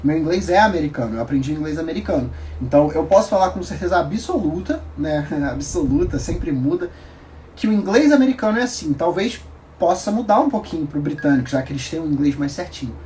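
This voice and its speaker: A man explaining grammar in a casual video lesson, chatty and animated, with quick asides. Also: a little high, slight background noise. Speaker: English teacher.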